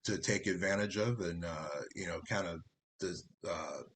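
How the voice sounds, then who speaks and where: A man's voice: low-pitched, steady tone, normal speed, a bit bright, a little hiss or hum. A man hosting an interview, chatty and rambling, with many fillers and restarts. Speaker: interview host. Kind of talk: casual interview over video call.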